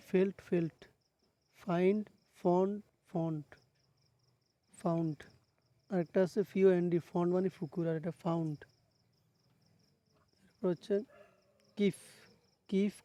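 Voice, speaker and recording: A man with a Bangladeshi accent teaches an English class on verb forms, repeating each word and plainly explaining what it means. His voice is high and warm, with no echo.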